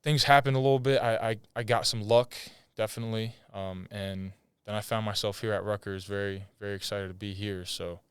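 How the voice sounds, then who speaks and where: Smooth, low-voiced young podcast host. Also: male voice, steady tone, a little fast, few pauses, dry recording. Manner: laid-back, slangy, says "bro" and "like". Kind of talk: casual podcast interview.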